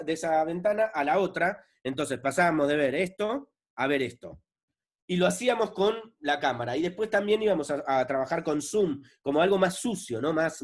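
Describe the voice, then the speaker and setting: A man with an Argentine accent lectures as a film director, explaining his work in a relaxed, chatty way. His voice sits a bit high, and he keeps checking in with his listeners. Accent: Argentine Spanish. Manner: relaxed, conversational, frequent "¿no?" and fillers. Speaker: film director giving a masterclass.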